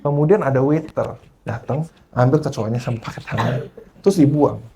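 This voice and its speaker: A man's voice: mid-range voice, fairly quick, gravelly. A man preaching a sermon at a church service, switching into English phrases and often checking in with the congregation as he tells stories. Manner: animated storyteller.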